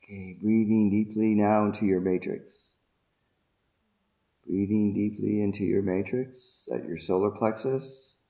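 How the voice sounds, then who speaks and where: A man leading a guided meditation and spiritual invocation in a deliberate, ceremonial manner, in short separated phrases. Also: lowish voice, fairly even intonation, dark tone.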